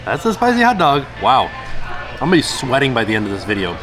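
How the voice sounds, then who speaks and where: A man's voice: medium pitch, wildly swooping pitch, fast. A man chatting casually and enthusiastically as he vlogs a food and merch review. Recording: loud music and busy outdoor crowd behind. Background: loud music, crowd.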